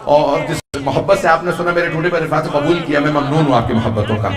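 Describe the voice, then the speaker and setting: A man preaching a storytelling sermon at a mourning gathering, his throat hoarse, his delivery impassioned and swelling to near-shouts. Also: fairly high pitch, over a noisy crowd. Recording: echoey, distant mic in a hall.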